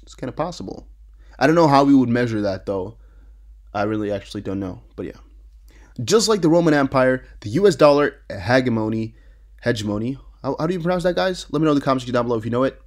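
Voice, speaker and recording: A young adult man, a crypto news YouTuber whose native language is Dutch, talks fast in an expressive, medium-pitched voice. He casually reads articles aloud and comments on them, frequently stumbling and repeating words.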